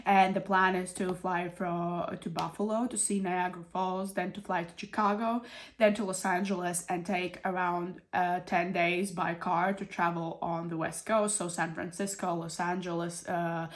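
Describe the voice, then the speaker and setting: A woman's voice: on the low side, flat delivery, normal speed. A woman from Europe with a cold, talking casually through a stuffed-up nose as she explains things to her channel's viewers. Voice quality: stuffed-up, congested nasal voice. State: sick with a cold and runny nose. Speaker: budgeting channel host. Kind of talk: casual explanatory vlog talk.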